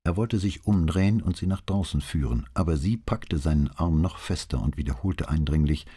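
A man narrating an audiobook in an even, measured way. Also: rumbling low, slightly rough. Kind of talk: audiobook reading.

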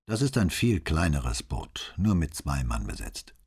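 A gruff boatman who shrugs things off and speaks plainly , voiced by a man reading an audiobook. The voice is very deep, dark and husky. He sounds unbothered and matter-of-fact. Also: huge pitch swings, unhurried, heavily acted.

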